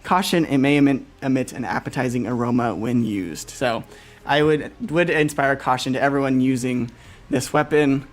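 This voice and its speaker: A man's voice: medium pitch, normal speed. Giggly upbeat man hosting a game stream. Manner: upbeat, laughs easily, many fillers. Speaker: livestream host. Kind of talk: casual game showcase livestream.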